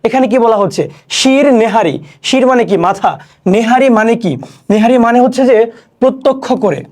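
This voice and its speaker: A young man teaching an online class, explaining each word slowly and repeating questions and answers. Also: very high-pitched, darkish tone. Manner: recites poem lines slowly.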